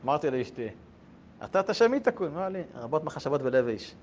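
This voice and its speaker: A man teaching a religious lesson to a group, firing rhetorical questions and swinging between hushed asides and loud bursts. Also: fairly high pitch, very animated, muffled recording. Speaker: rabbi teaching a class.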